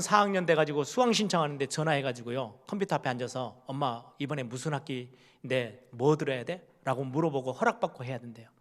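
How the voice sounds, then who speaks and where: A man's voice: fairly high pitch, a bit bright. A middle-aged male pastor preaching a conversational sermon, asking the congregation questions and acting out what parents and children say. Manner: acts out parents' and children's words in quoted voices.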